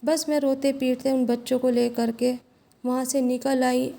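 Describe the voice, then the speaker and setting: A woman telling a first-person story in a steady, even storytelling delivery. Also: high voice, gravelly.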